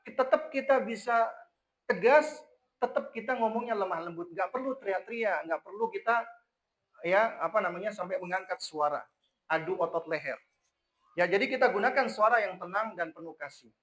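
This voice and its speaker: A man with an Indonesian accent giving a religious parenting lecture to a congregation, animated, acting out parents and children. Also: high-pitched, poor audio. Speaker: Islamic preacher. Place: mosque gathering.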